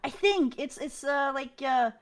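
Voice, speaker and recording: Giggly high-voiced young woman, faint Norwegian accent. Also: measured pace. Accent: subtle Norwegian. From Norway. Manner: giggly, hesitant with many restarts. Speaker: guest streamer. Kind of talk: casual chat.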